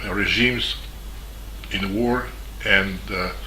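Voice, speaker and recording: A man from Serbia with a Serbian accent, a journalist giving a spoken statement in halting English full of fillers and restarts. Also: deep voice, steady tone, background noise. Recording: echoey room with faint ambience.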